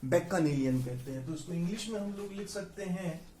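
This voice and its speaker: A young man teaching English vocabulary for exams, explaining slowly and spelling words out letter by letter. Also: high voice, expressive, warm tone, a little hiss or hum. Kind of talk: explanatory exam-prep lesson. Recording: echoey room.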